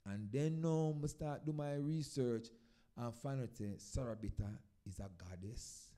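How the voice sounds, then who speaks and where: In warm, mid-range tones and at a measured pace, a Jamaican-accented dub poet speaks Patois while introducing a live show. His informal storytelling comes in brief phrases punctuated by emphatic swells.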